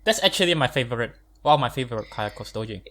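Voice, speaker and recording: A man's voice: medium pitch, lively intonation, racing, fairly bright tone. Male podcast co-host; casual and argumentative, swears when rattled. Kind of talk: casual chat.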